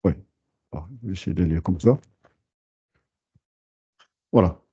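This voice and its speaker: A man's voice: low-pitched, unhurried, mellow, breathy edge, lo-fi sound. A man teaching a lesson, explaining patiently with many fillers and restarts. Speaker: Quran recitation teacher.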